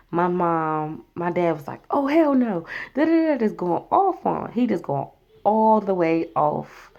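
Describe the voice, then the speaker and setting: Low voiced girl in her 20s just chatting, doing everyone's lines. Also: darkish tone. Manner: chatty, acts out quoted voices. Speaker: vlogger. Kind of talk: casual storytelling.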